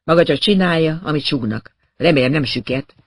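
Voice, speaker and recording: A man's voice: fairly high pitch, no room sound. A man voicing a bossy man who barks curt, impatient orders.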